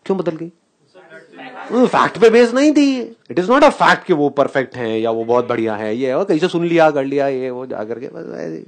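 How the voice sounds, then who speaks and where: A man giving a live spiritual talk to an audience, animated and questioning, often laughing as he mixes English phrases into Hindi. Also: on the high side, normal speed. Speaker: spiritual speaker.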